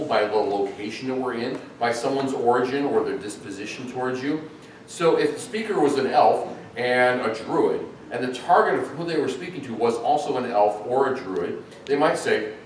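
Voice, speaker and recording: Man lecturing in a very echoey hall. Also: medium pitch. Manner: animated, chatty, with frequent ums and uhs. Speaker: conference speaker on game AI. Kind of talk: technical conference talk. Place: large echoey conference hall. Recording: echoey hall, distant mic, faint noise.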